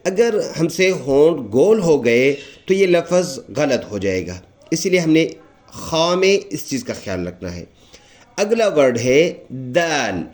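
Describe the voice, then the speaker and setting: A man with a Pakistani Urdu accent giving a patient recitation lesson, explaining each letter and repeating it slowly and drawn out. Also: on the high side. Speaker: Quran recitation teacher.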